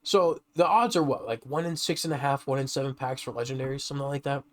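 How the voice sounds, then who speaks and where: A man co-hosting a casual gaming podcast, telling stories animatedly and jumping high when he acts out reactions. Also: fast. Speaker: podcast co-host.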